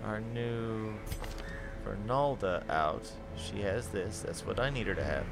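A man giving casual gameplay commentary, reading item text aloud and thinking out loud as he sorts his party. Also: lowish voice, slow pace, over music. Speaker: gaming channel host.

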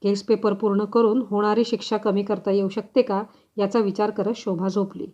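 A woman reading a short story aloud in a measured, expressive storytelling manner, on a slightly dull recording. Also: medium pitch. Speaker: story reader. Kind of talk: audiobook story narration.

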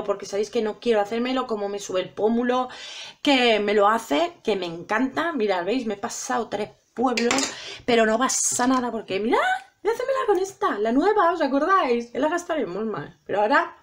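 A woman's voice: on the high side, a little hiss or hum. A middle-aged woman with a Spanish accent from Spain, chatting to her viewers while doing her makeup, dramatic and talkative. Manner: chatty, self-dramatizing, addresses viewers directly. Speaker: beauty vlogger. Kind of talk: casual makeup tutorial chat.

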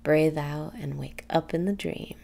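A young woman leading a guided meditation in a soft, soothing, breathy way, leaving pauses between phrases. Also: low voice. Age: young adult. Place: small room indoors.

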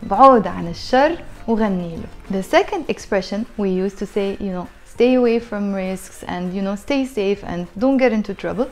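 A woman's voice: mid-range voice, mellow, soft background music. A woman in her thirties with a Levantine Arabic accent, a native Arabic speaker teaching a conversational language lesson in an explanatory, repetitive way. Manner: explanatory, breaks phrases down slowly with repetition. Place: small living room indoors, on a sofa.

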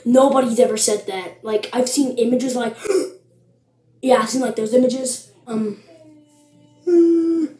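A woman's voice: a little high, slow pace, pauses often, warm tone. A young woman vlogging casually, chatty and full of fillers, with mock-scared asides. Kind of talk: casual vlog chat. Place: bathroom at home. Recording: echoey room.

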